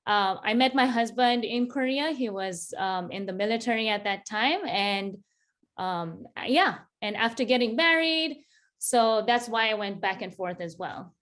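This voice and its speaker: Woman from kenya, relaxed guest on an interview, lots of ums and little laughs. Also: on the high side, a little slow. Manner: relaxed, laughs often, many fillers. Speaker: interview guest, business founder. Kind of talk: casual interview.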